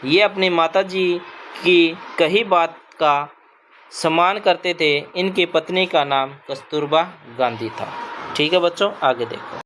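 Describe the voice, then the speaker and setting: A man's voice: a little high, measured pace, a bit bright, slight background noise. Patient male teacher reading a children's lesson. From Punjab. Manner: patient, repeats "ठीक है बच्चों" often. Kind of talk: classroom lesson narration for children.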